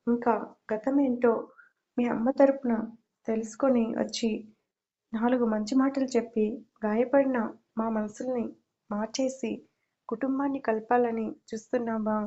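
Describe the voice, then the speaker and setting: A woman's voice: fairly high pitch, fairly even intonation, normal speed, pauses often, mellow, natural voice. Lady reading an angry young guy, harsh threats, mellowish voice, bit lo-fi. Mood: furious. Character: furious young man guarding his grieving father.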